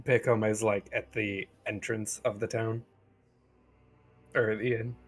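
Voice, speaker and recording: Low-voiced, hesitant male player. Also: flat delivery, slow pace, soft background music. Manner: hesitant, filler-heavy. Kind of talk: casual tabletop play.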